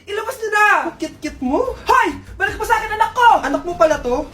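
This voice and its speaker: Woman, young adult, comic role-play, high pitch, background music. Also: animated, far from the mic. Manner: switches characters fast, playful. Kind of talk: comic skit role-play, many voices.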